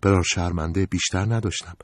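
A male storyteller reads a first-person tale in a low, husky voice. He speaks quietly and heavily. The recording is close and dry. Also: fairly even intonation, dry recording. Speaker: narrator. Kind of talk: scripted storytelling narration.

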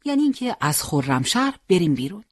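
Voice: mid-range voice, very animated, no room sound, studio quality. A storyteller voicing a young male fighter who doubtfully questions the order to leave.

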